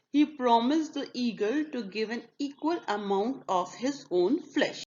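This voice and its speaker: Woman teacher for a slow, careful story lesson; a touch high, muffled lo-fi recording. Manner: slow, deliberate, with hesitations. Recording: dull lo-fi recording.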